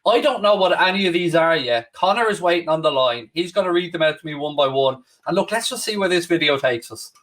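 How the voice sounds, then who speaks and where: Speaking quickly with hardly any pauses, this Dublin-accented Irishman in his late thirties has a slightly high, fairly bright voice with lively intonation, and he's far from the mic. As a podcast host in casual conversation, he answers questions frankly, rambling and poking fun at himself.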